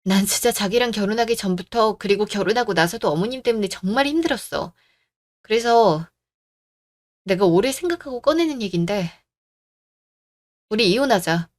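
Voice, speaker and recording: A woman's voice: mid-range voice, lively intonation, normal speed, long pauses, natural voice. A woman voicing a young wife in a radio drama who is tired and aggrieved, polite at first and then firm. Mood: resolute.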